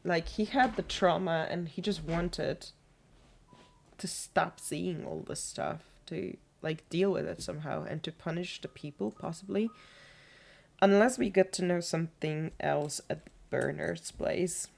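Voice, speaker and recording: A Polish woman streams a game, reading case files and diary pages aloud while thinking out loud and correcting little slips. Her accent mixes Polish and British yet sounds American. Her low voice carries a gravelly fry, with lively intonation and a slightly slow pace.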